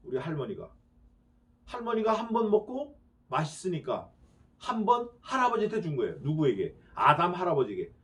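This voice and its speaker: A man pastor delivering an expository sermon. He speaks emphatically, fires off rhetorical questions and swings between soft, low asides and loud declarations. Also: huge pitch swings, moderate pace. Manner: dramatizes quoted speech.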